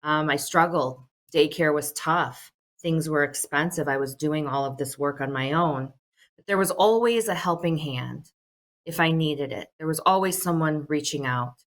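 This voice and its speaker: A woman's voice: sits low, moderate pace. A middle-aged woman leading a social services agency, giving earnest prepared remarks at a telephone town hall with frequent "um"s. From United States. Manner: earnest, many "um" fillers.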